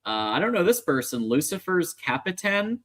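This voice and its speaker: A man's voice: on the high side, big pitch swings, moderate pace, a bit bright. A man hosting a casual livestream sports show with upbeat, conversational patter.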